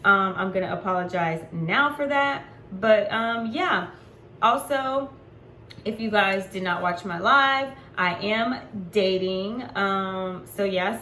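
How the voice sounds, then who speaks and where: A woman in her 40s with a mid-range, fairly bright voice speaks to camera for a casual vlog. Her talk is chatty and unfiltered, peppered with ums. Echo and a faint background hum of noise fill the room.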